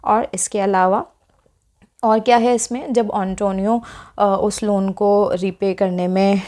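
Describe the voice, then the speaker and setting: A woman teacher explaining a textbook lesson, defining each term step by step and reading English lines slowly and deliberately. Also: medium pitch, fairly even intonation, warm tone. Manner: explains terms step by step, checks with frequent "okay" asides.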